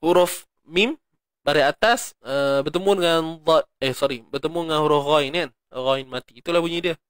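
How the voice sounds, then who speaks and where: A man with a Malaysian Malay accent teaching Quran recitation in an online class, chanting examples slowly and explaining in between. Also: on the high side, clean tone, no echo, studio quality. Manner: demonstrates pronunciation repeatedly, light laughs.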